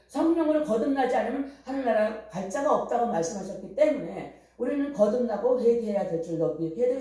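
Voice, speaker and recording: In a church hall that echoes strongly, a middle-aged woman pastor with a warm, mid-pitched voice tells stories during a revival sermon and fervently calls the congregation to repent. The mic sits far away from her.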